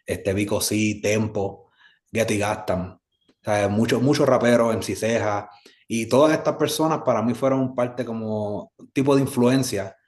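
A man's voice: fairly low pitch, steady tone, a little slow, darkish tone. A man from Puerto Rico with a Puerto Rican accent, a musician guest talking in an easygoing, rambling way. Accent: Puerto Rican Spanish. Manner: easygoing, rambling, with many fillers. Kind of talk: casual interview.

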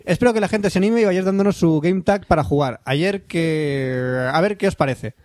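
A man's voice: fairly high pitch, normal speed, dry recording, clean studio sound. A man from hosting a casual podcast, reading listener emails aloud in a playful, jokey way. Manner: playful, jokey, puts on loud exaggerated voices.

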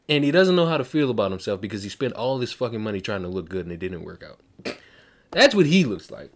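A man hosting a podcast, loud and boastful, trash-talking and swearing in casual banter with friends in a room. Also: on the low side, very animated, fairly quick, pauses often. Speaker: podcast host.

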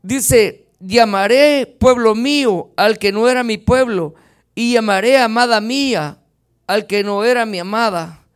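Man, lay preacher, very high-pitched voice, fervent sermon, loud declarations and soft asides. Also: measured pace, clean tone. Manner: keeps addressing listeners as brothers. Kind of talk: evangelical sermon with personal testimony.

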